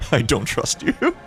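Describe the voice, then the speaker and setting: A man co-hosting a let's play, teasing his friend with sarcastic jokes and quick giggles. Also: medium pitch, fairly bright tone, breathy edge, dry recording. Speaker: co-host of a gaming let's play. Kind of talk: casual let's play banter.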